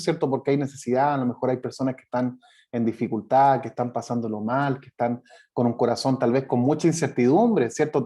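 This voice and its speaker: A man preaching a sermon at a church service, reading scripture slowly and with emphasis, often repeating himself and checking in with the congregation. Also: mid-range voice, warm tone. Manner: repeats phrases and keeps asking "right?" of the congregation.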